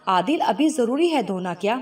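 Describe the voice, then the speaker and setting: A woman voicing a timid, soft-spoken young bride in a storybook, her lines read gently. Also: medium pitch, expressive, distant mic, soft background music, natural voice. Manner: soft, hesitant storybook dialogue.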